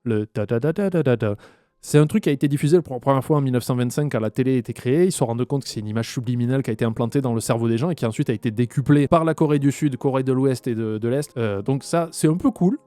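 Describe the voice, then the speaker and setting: A man's voice: medium pitch, very fast, few pauses, mellow, no echo. A man giving a casual, rambling spoken review of a TV episode, chatty and full of fillers and restarts. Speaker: TV series reviewer.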